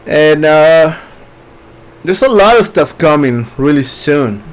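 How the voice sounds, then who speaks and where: A man hosts a laid-back live stream Q&A, reading chat questions out and answering them in an easygoing, unhurried way. His voice sits a little high for a man, and he takes his time over his words, with plenty of fillers. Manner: relaxed, reads chat questions aloud, many fillers. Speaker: webinar host.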